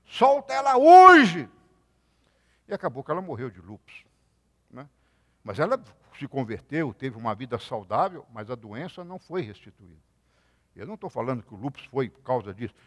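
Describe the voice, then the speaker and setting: A middle-aged Brazilian man preaching a sermon as a rabbi, lively and questioning his congregation, breaking into loud outbursts. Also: on the high side. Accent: Brazilian Portuguese. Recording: hall reverb.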